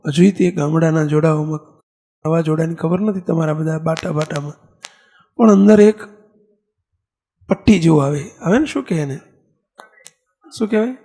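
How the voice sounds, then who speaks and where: A man with a Gujarati accent giving a sermon as a monk, telling a story in an animated way and acting out the characters' lines. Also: fairly high pitch, normal speed, long pauses.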